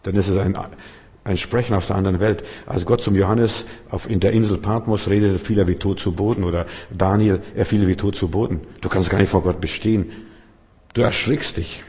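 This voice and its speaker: A man's voice: low voice, steady tone, brisk, darkish tone, slightly rough. A man preaching a sermon in an emphatic, searching way. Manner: emphatic, acts out quoted voices. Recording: long hall reverb.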